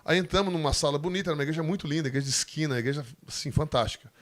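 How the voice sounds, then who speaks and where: A Brazilian man with a Brazilian Portuguese accent telling a lively missionary testimony, laughing as he tells it and acting out the people in the story. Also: on the high side, racing. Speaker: missionary guest speaker.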